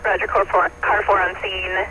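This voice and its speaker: A fire dispatcher speaking over a two-way radio in a measured, even way, repeating back each call and reading out the times. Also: medium pitch. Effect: heard over a two-way radio. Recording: muffled noisy radio channel.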